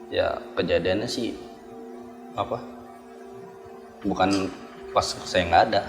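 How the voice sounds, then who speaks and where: A man tells his story in a low voice, laid-back and slangy. He answers in short bits. A clear music bed plays under his voice. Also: slow pace. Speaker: interview guest recounting a ghost encounter. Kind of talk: casual chat.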